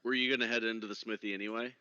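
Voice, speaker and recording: A man playing a character in a tabletop game, talking casually and lively, often jumping into a high character voice. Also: rapid-fire, clear, resonant tone, no echo, dull audio. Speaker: player. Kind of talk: casual tabletop role-play.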